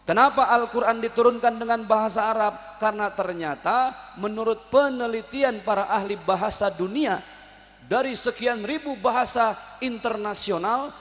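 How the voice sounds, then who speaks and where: A Jakarta-born man preaching with a slightly high voice, animated and humorous. He keeps calling on the congregation to answer him back. The long reverb of a prayer hall trails behind his words. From Betawi, Jakarta. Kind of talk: lively religious sermon with call-and-response. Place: prayer hall at an evening gathering.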